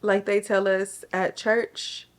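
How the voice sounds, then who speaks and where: A young woman giving an emotional faith testimony to camera, tearful and halting, often restarting her sentences. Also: mid-range voice, little pitch movement. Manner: halting, with restarts and soft pauses.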